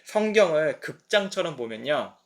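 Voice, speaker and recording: Lively, higher-voiced preacher man. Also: normal speed. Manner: lively storytelling that acts out quoted voices. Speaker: pastor. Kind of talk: sermon at a midweek service.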